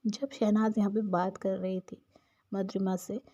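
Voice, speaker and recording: A woman's voice: mid-range voice, level tone, unhurried, warm tone, lo-fi sound. A woman narrating a casual, opinionated recap of a TV show episode in a chatty storytelling manner.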